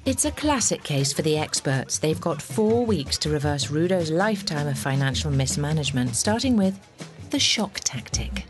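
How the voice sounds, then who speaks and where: Woman, low voice, documentary narration, measured, wry. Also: sing-song, over loud music.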